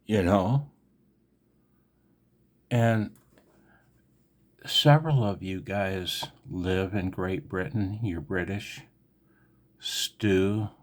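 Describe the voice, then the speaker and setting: A man in his sixties from the United States, rambling emotionally in a casual video message, halting with many ums, recorded on a phone held in his hand. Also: low-pitched. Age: 60s. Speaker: amateur radio vlogger.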